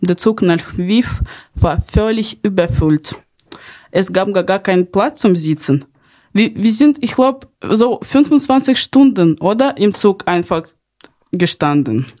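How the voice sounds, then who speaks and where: A woman's voice: mid-range voice, expressive, measured pace, a little mellow. A young woman hosts a podcast. She speaks earnestly, partly reading from a script, with small slips in her grammar. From Ukraine. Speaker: podcast host. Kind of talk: podcast, partly read narration.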